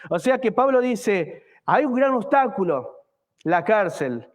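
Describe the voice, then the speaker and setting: High-voiced fervent pastor. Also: male voice, sing-song, slow. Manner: fervent, with many rhetorical questions to the congregation. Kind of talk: evangelical sermon. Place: church service.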